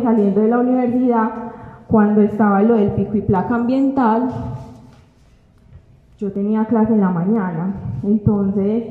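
A young woman tells a personal faith story with feeling, slipping into the voices of the people she quotes. Her voice sits a little high. It carries a long hall echo and comes through thin and tinny, like a phone line. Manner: emotional storytelling, acting out dialogue. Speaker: testimony giver.

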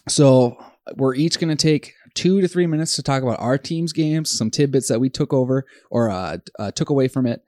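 A man's voice: mid-range voice, moderate pace, darkish tone, no room sound, clean studio sound. A man hosting a casual football podcast, talking in an upbeat, hyped, joking way. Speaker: podcast host. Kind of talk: casual sports podcast chat.

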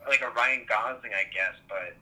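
A man's voice: lowish voice, normal speed, a loud crowd, rough recording. A man calling in on speakerphone, chatting casually in a hesitant way, full of fillers and swearing freely. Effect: heard over speakerphone. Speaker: podcast co-host calling in. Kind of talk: casual banter.

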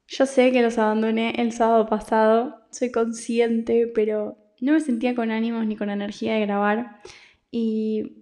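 A woman's voice: on the high side, flat delivery, moderate pace, a little mellow. A young Argentine woman hosting her podcast, talking in a rambling, confiding personal monologue with many restarts. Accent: Argentine Spanish. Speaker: podcast host.

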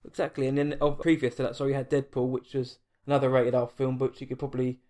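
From home late at night, an Englishman hosting a film podcast casually interviews a guest over an online call. He talks fast in a dark, medium-pitched voice with a level tone, chatty and self-deprecating, often restarting.

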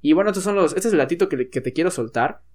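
A man's voice: on the high side, animated, darkish tone. A young man with a Mexican accent, co-hosting a casual film podcast with a joking, slangy manner. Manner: joking, slangy, quick back-and-forth. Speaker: podcast co-host.

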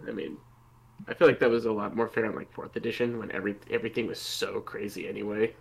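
An easygoing man co-hosting a relaxed gaming podcast. His voice sits low, with a gravelly fry running through it. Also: quick pace, poor audio. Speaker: podcast co-host. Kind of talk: casual chat.

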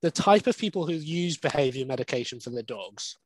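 A man's voice: a little high, animated, a little fast, no echo, rough recording. A young man, a dog behaviourist, talking candidly and at length in a podcast interview. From Wales. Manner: candid, conversational, explains at length.

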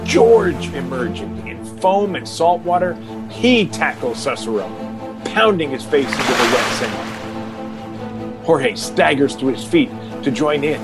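A man's voice: a little high, animated, slow, over loud music. A man narrating an audio drama in a dramatic, scripted style.

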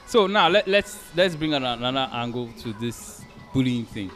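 A young adult man with a Nigerian accent, co-hosting a podcast in casual chat and telling animated stories. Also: mid-range voice, normal speed, faint music behind. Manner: animated storyteller, rises loud when excited. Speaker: podcast co-host.

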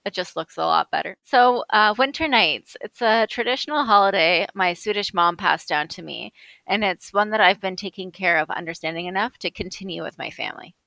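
A woman's voice: mid-range voice, a little fast, creaky, bright, forceful tone, no echo. A woman from Canada, a guest on a podcast, explaining things in an earnest, casual way.

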